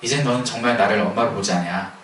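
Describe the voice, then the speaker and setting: Man playing a forgiving mother, gentle plain scolding; echoey hall, distant mic. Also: on the low side, fast, a little hiss or hum, close to an everyday voice. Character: older mother, calm and forgiving.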